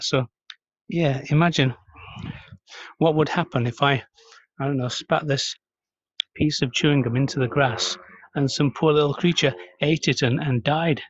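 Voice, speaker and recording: A man's voice: mid-range voice, no room sound, dull audio. A man talking casually with chewing gum in his mouth, rambling with many fillers and restarts. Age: adult, 30s or older. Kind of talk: casual monologue.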